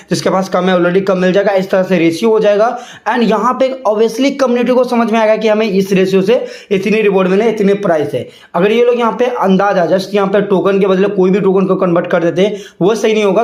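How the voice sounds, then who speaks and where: In an echoey room, a crypto video host chats casually through an explainer vlog, leaning on fillers like "ठीक है" and "यहाँ पे" again and again. His voice sits high and is a little mellow.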